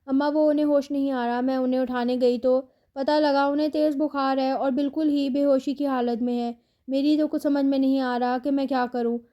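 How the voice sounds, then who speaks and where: A woman's voice: sits high, little pitch movement, warm tone, lo-fi sound, close to an everyday voice. A woman voicing a tearful, anxious young wife who scolds her sick husband, in a novel read aloud. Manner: pleading, then scolding.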